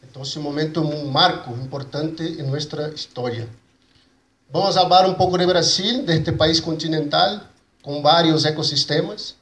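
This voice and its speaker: A man with a Brazilian Portuguese accent and native Portuguese gives a conference presentation in a halting mix of Spanish and Portuguese, repeating and rebuilding his words. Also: a little high, fairly bright tone. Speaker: conference speaker for an agroecology movement. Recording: roomy echo, faint background noise.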